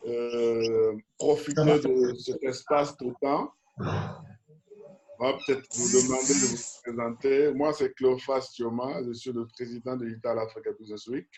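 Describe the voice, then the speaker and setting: Male webinar host, medium pitch, informal moderator and interpreter on a video call. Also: fairly even intonation, measured pace, a little mellow, slight background noise, low-quality recording. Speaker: webinar host and organisation president.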